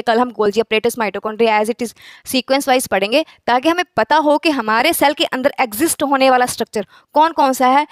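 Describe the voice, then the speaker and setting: A woman's voice: sits high, no echo, clean studio sound. A woman teaching a biology lesson, asking herself rhetorical questions and answering them, mixing English phrases into her speech. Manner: repeats key words. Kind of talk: classroom lecture.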